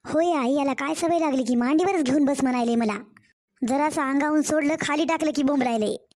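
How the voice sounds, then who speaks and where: A woman's voice: high-pitched, brisk, a little mellow, lightly acted. A woman voicing a weary young new mother, complaining and pleading to her own mother in a cartoon story. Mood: tired.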